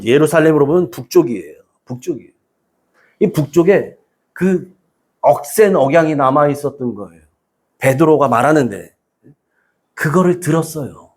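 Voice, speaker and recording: A man's voice: a little high, a little mellow, husky. A man pastor preaching a Sunday sermon, emphatic, prodding the congregation with rhetorical questions.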